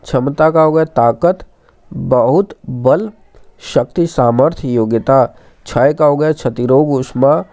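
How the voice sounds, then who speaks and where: A man with a medium-pitched, dark voice teaches an online Hindi exam-prep lesson, sounding slightly hoarse because he is unwell. He rattles off lists of words and adds reassuring asides to his students.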